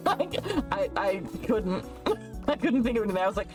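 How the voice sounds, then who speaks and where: A woman's voice: medium pitch, big pitch swings, moderate pace, over music. A woman streaming live from her desk at home, chatting in a rambling, casual way and laughing often.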